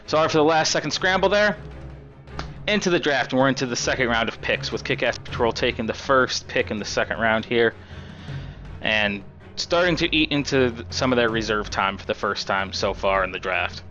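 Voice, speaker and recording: A raspy-voiced male esports caster talking through a match in a casual, chatty play-by-play with plenty of fillers. His voice sits at an ordinary middle pitch. The stream audio is a bit muffled, with faint music underneath. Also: normal speed, pushed and bright. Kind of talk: live game commentary.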